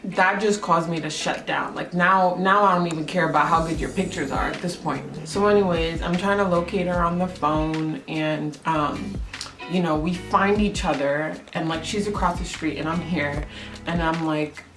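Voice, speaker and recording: Young woman rambling thru a storytime, lower voice, lots of like and um, roomy echo w music playing. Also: steady tone, normal speed. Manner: chatty, lots of "like" and "um", acts out quotes. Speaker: photographer vlogger. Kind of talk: casual storytime chat.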